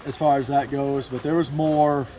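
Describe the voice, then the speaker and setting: The speaker, a man in his twenties, is the PA announcer and radio producer for a baseball team, interviewed outdoors over music. His mid-range voice is warm and fairly level, at normal speed. The audio is poor with slight background noise, but he comes across casual and enthusiastic.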